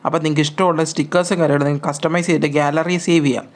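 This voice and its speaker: A man's voice: fairly high pitch, level tone, very fast. A man hosting a gaming channel, giving chatty, repetitive step-by-step instructions as a voice-over on a mobile game tutorial.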